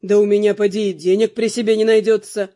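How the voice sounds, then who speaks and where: A woman's voice: mid-range voice, little pitch movement, quick pace, mellow, voice pushed down, natural voice. A woman reading an audiobook, voicing a young male prisoner with a dry, wry manner.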